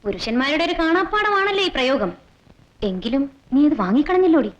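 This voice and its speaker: A woman's voice: high-pitched, very animated, fairly quick, dull audio. A sassy teasing young woman. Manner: playful, mocking, lecturing. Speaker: teasing female friend. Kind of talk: 1980s film dialogue.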